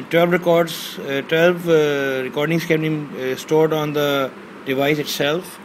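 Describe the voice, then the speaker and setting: An Urdu-speaking man with a fairly high voice unboxes a product in a small bedroom, filming on a handheld phone. He hesitates often, leans on fillers, and reads the box labels aloud. The audio is poor, with a little hiss or hum.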